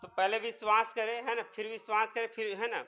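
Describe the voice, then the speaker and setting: A man's voice: sits high, little pitch movement, a little fast, pushed and bright, smooth. A man teaching English pronunciation step by step, repeatedly quizzing his viewers. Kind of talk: spoken English lesson.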